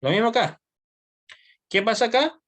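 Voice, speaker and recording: A man's voice: very high-pitched, animated, moderate pace, a bit bright, dry recording. Guy teaching hebrew over a video call, voice bounces up and down a lot, dry sound. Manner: explains step by step, often checks in with students. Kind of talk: online class lecture.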